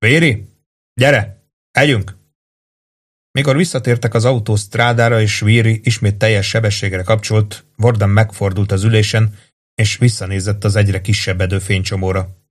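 Low-voiced man reading an audiobook. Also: level tone. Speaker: narrator.

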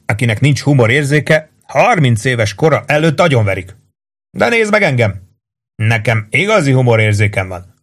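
A man's voice: medium pitch, voice pushed up. A man doing a sly, needling sergeant. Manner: mocking, needling. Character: sly, boisterous male army sergeant, drinking.

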